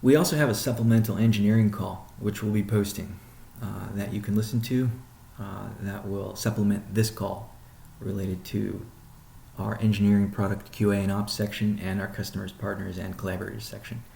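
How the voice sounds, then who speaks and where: In an informal business briefing, a company CEO steadily walks through weekly updates, pausing mid-sentence at times. His voice is fairly low, mellow, and heavy with gravelly fry, recorded in an echoing room with slight background noise.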